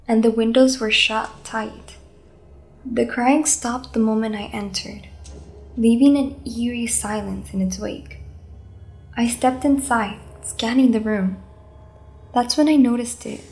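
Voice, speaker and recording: A woman narrating a scripted first-person scary story in a measured, suspenseful manner. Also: fairly high pitch.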